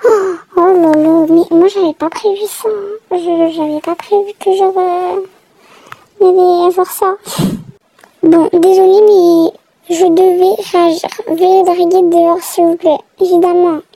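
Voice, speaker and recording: A woman talks through her gameplay in a chatty, exasperated running commentary. Her voice is very high yet mellow in tone. It has a gravelly vocal fry all through. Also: little pitch movement, unhurried, dry recording, low-quality recording. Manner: chatty, reacting aloud, exasperated. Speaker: gamer narrating her play. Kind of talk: casual game commentary.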